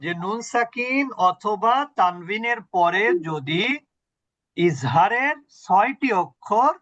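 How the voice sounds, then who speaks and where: A man's voice: high voice, expressive, takes it slowly, a bit bright, no echo, highs cut off. A man teaching Quran recitation online, patiently repeating points and quizzing his students. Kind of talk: online tajweed lesson.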